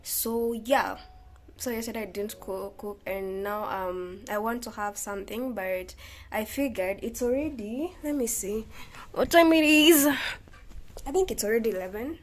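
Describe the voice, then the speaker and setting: A young Kenyan woman with a Kenyan accent vlogs casually, rambling and chatting, correcting herself as she goes and slipping in Swahili phrases. Her voice sits on the high side and moves a little slowly.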